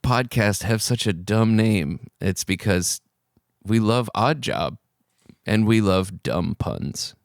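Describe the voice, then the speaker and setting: A man's voice: on the low side, lively intonation, takes it slowly, no echo, clean studio sound. A man co-hosting a movie podcast in casual chat, wry and jokey, often answering in short asides. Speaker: podcast co-host. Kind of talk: casual film review chat.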